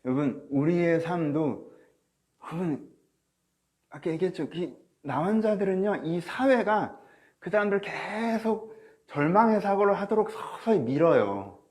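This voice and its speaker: Speaking through a face mask that dulls his sound a bit, this pastor delivers an online sermon to his congregation in a high, expressive, darkish voice at a measured pace. He poses questions straight to his listeners and voices inner thoughts as if acting them out.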